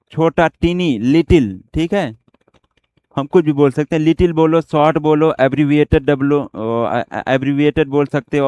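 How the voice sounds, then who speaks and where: Male shorthand teacher, clear voice. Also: a little high, darkish tone, no room sound. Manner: explains step by step, often asks and answers himself. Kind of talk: online lesson.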